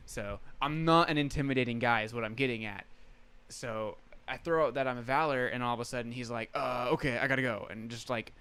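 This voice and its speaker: Young man, podcast co-host, casual storyteller, smooth clear voice. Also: medium pitch, brisk, a bit bright. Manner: storytelling, easygoing, laughs often. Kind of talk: casual chat.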